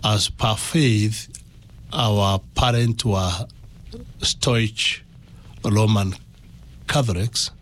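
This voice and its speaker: Speaking as an interview guest, this man with a Kenyan accent recounts his own story, choosing his words haltingly and with care. His pitch is fairly low and his tone fairly bright.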